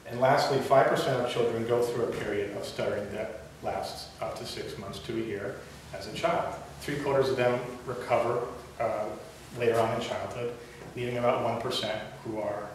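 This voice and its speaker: Here a young man presents a prepared speech to a club, his mid-range voice steady and his pace normal, though he sometimes stutters and restarts. The meeting room sounds echoey, the mic is far off, and there's background hiss.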